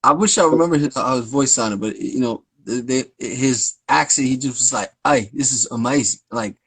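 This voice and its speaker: A man hosting a casual live-stream interview, telling stories in an excited, rambling way. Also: mid-range voice, moderate pace, slightly rough, dry recording, rough recording. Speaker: host. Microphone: phone on a live stream.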